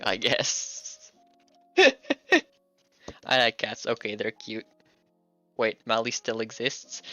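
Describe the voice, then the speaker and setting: A native Hungarian man from Hungary, a streamer and game developer, chats casually on a livestream while working, thinking out loud and laughing often. His medium-pitched voice is pushed and bright, with no echo.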